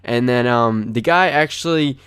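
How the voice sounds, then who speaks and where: A man's voice: mid-range voice, a little slow, clean tone, no echo, studio quality. A young man hosting a gaming channel, casually telling a rambling story full of fillers. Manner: rambling, animated, many fillers. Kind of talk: casual storytelling over gameplay.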